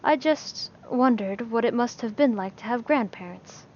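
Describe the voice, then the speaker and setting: Weary young priest, crisp and reserved, read by a woman, fairly high voice, lo-fi sound. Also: normal speed, a little mellow, slight background noise, close to an everyday voice. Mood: quiet, crisp. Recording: slightly dull lo-fi recording.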